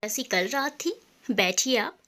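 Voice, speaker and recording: A woman's voice: a little high, expressive, measured pace, fairly bright tone. A woman voicing a reserved, sad young wife who answers curtly and guardedly, in a storybook reading. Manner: curt, guarded.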